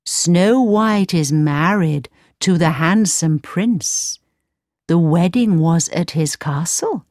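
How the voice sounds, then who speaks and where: A calm magic mirror from a storybook that speaks plain truths in a soft, half-whispered voice, put on by a woman reading aloud. It speaks very slowly, and the sound is close and dry. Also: on the low side, dry recording. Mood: matter-of-fact.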